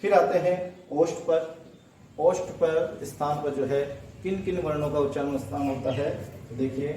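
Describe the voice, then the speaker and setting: A man's voice: fairly high pitch, steady tone, moderate pace, warm tone, slight background noise. A male teacher giving a lesson, reciting letters one by one and asking and answering his own questions. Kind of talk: Sanskrit phonetics lesson. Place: classroom or room, writing on a board. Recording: echoey room, voice from a distance.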